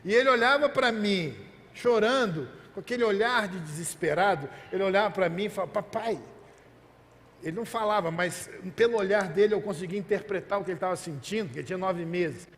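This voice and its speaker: A man's voice: high voice, quick pace, fairly bright tone, a little hiss or hum. A male pastor preaching a sermon, telling a personal story earnestly and asking the congregation rhetorical questions. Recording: long hall reverb.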